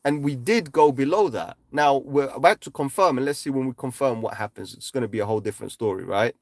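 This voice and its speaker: A man at a middle pitch hosts a casual livestream chart walkthrough. He talks emphatically, in quick bursts broken by slower stressed points, and tags nearly every thought with "right?". The sound is dry and close, with no room around it. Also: no echo. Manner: emphatic, repeats "right?" constantly. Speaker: crypto chart analyst livestreaming.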